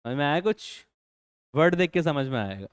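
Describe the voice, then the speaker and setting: Smooth-voiced teacher, questioning. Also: male voice, a little high, lively intonation, normal speed, no echo, clean studio sound. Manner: asks students rhetorical questions, repeats key points. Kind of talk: classroom-style grammar lesson.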